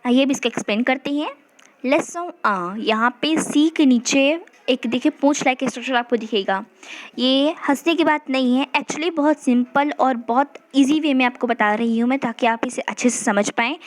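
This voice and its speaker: A woman teaching an online language lesson, patiently explaining in Hindi and English and reading dialogue aloud. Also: sits high. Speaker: French teacher.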